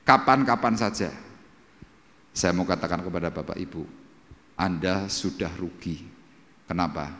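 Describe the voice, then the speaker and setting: A man with a Javanese accent preaching a sermon at a church service, telling stories with lively delivery and acting out the voices of people he quotes. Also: sits low. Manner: lively storytelling, acts out quoted voices loudly. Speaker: pastor. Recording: reverberant church hall.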